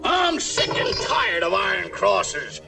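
A man voicing a short-tempered German baron flying ace in a cartoon, ranting loudly in rustic grammar sprinkled with German words. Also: sits high, big pitch swings, slow pace, heavily acted. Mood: grumpy, indignant. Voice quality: gravelly. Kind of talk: exaggerated cartoon acting. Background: orchestral cartoon music.

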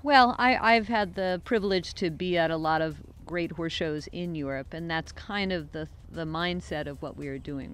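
A middle-aged woman answering an interviewer's questions outdoors on a farm lawn, talking into his handheld mic in a relaxed, conversational way and often restarting her sentences. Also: low voice, a little hiss or hum. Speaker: guest, show organizer. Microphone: interviewer's handheld microphone.

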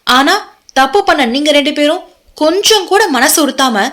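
A woman's voice: high voice, lively intonation, moderate pace, fairly bright tone, voice pushed up. A woman voicing a bitter, betrayed young husband who scolds harshly in an audio novel. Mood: furious.

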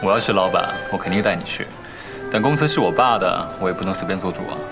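A man's voice: low-pitched, fast talker, gravelly. An actor in his twenties playing a mild, obliging young company heir and boyfriend in a TV drama, casual and accommodating. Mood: mild, giving in. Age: 20s. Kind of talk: TV drama acting. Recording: background music.

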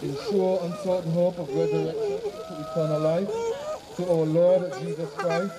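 A man's voice: sits high, animated, normal speed. A man officiating as clergyman, reciting a solemn, formal graveside prayer outdoors. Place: outdoor cemetery on open grassy ground. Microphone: far camera behind the speaker. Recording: distant mic outdoors, gathered crowd noise.

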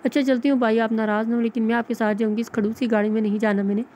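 Lady reading as a huffy stubborn girl in an audio novel, kinda high voice, a bit louder. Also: flat delivery, racing, slight background noise, natural voice. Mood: defiant. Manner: defiant, huffy. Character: sharp-tongued stubborn young woman.

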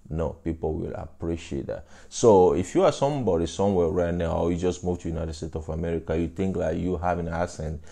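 Talking briskly with hardly any pauses, this man's low, mellow, creaky voice delivers earnest, upbeat advice in a casual vlog to camera, peppered with "you know." He's in his thirties, from Africa, speaks a local African language first and French second, and sits on a couch in a small indoor room wearing a lapel mic.

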